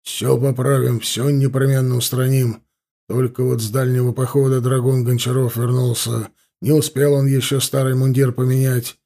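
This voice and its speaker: A man's voice: mid-range voice, level tone, normal speed, creaky, warm tone. A man voicing an older veteran sergeant, servile to officers and grumbling among his own.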